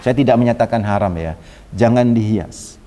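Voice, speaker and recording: A man's voice: fairly low pitch, moderate pace, mellow. A man giving a sermon, telling a story animatedly and acting out its dialogue with chatty asides. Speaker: religious teacher. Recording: reverberant hall sound.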